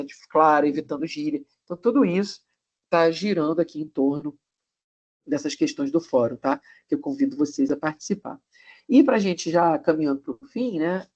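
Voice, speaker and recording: A man with a Brazilian Portuguese accent giving a live online college class, relaxed, with many tag questions and restarts. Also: fairly high pitch. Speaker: college lecturer. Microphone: video call. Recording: muffled lo-fi video call audio.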